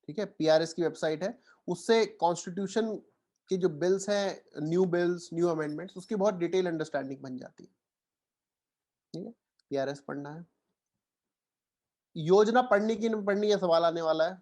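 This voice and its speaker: Indian male tutor, slightly high voice, code-switching Hindi-English, reassuring online lecture delivery. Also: a little mellow. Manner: Hindi-English code-switching, frequent "theek hai" check-ins; encouraging, reassuring students. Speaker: teacher.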